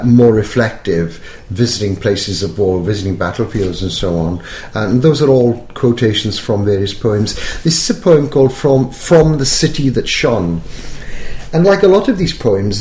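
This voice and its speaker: A middle-aged or older poet with an educated Welsh accent reflects in an interview, thoughtful, halting, and correcting himself. His voice is medium-pitched and a little mellow, recorded in an echoey room.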